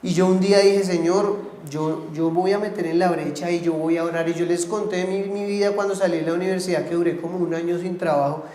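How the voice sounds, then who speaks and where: Male pastor, high-ish voice, fervent preaching in a reverberant church. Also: fairly even intonation, brisk, hardly any pauses, mellow, slight background noise. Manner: impassioned preaching, rising to emphatic pleas. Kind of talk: sermon.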